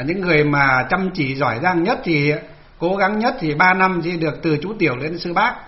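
Vietnamese monk recounting his ordination, muffled. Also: a little high. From Hoa Binh, northern Vietnam. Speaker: Buddhist monk. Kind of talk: storytelling talk about his ordination.

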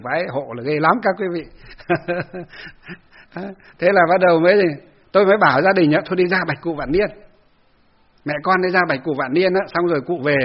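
A man's voice: on the high side, slightly rough, lo-fi sound. A man, a Buddhist monk telling a story in a conversational dharma talk to lay Buddhists. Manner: storytelling, conversational, acts out quotes.

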